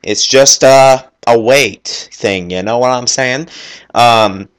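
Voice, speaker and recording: A man hosting a solo gaming podcast, talking fast and enthusiastically in a rambling, off-the-cuff way while working at his computer. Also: medium pitch, clean tone. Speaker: podcast host.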